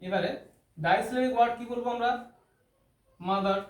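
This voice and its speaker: High-voiced man teaching grammar. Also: normal speed. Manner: repeats key terms and asks rhetorical questions. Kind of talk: classroom-style explanation. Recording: echoey room with faint noise.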